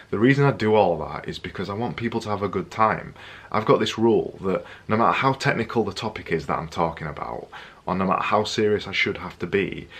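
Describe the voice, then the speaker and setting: A young man talking casually to camera in an energetic, jokey way, giving tips on presenting. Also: low-pitched, husky. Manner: energetic, jokey, repetitive emphasis.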